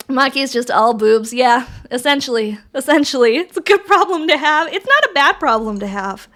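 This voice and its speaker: A woman livestreamer chats casually with viewers, reading their messages aloud, swearing freely and laughing often. Her voice sits high and is animated, a bit bright, at a moderate pace, with a raspiness from allergies.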